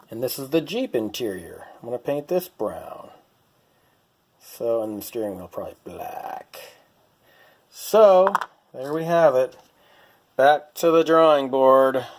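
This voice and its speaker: A middle-aged man talks in a relaxed, conversational way with an ordinary mid-range voice. He pokes fun at his own mistakes with dry, wry humor as he shows his projects in a home workshop. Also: mid-range voice. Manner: chatty, self-deprecating, wry. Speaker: hobbyist channel host. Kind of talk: casual workshop vlog.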